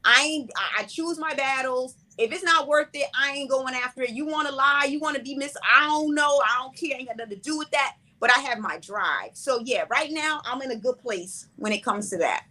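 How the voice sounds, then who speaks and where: A high-pitched woman in her forties, a playwright and director, talks briskly with few pauses. She handles the interview questions in a relaxed, conversational and reflective manner.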